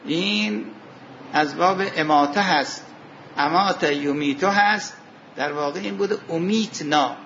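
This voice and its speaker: A man teaching a seminary class on Arabic grammar and scripture, asking his students questions, answering them himself, and reciting verses slowly. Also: on the high side, pushed and bright, highs cut off, slight background noise. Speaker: religious studies teacher.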